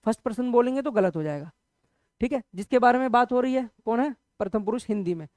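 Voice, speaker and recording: A man gives an exam-prep Hindi grammar lecture, explaining patiently in a conversational way, repeating examples slowly and checking in with students after almost every point. His voice is extremely high-pitched with lively intonation and a darkish tone, in a dry recording.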